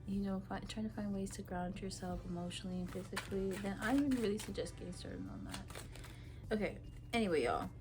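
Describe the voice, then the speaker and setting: A woman's voice: medium pitch, a little mellow. A woman from Ethiopia giving a casual tarot reading to camera, talking frankly in a chatty way with many fillers. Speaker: tarot reader.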